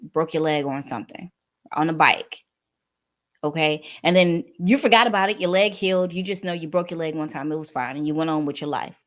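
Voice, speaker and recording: A woman in her thirties, a guest on a talk show, speaking earnestly and with animation, addressing the audience directly. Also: deep voice. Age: 30s. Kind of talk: casual talk on wellness.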